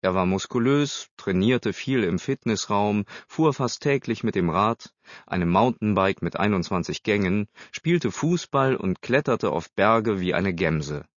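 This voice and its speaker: A low-voiced man narrates a storybook in a steady, measured way. The recording is close, very dry and a little dull in the highs. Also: no echo. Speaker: audiobook narrator. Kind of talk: scripted narration.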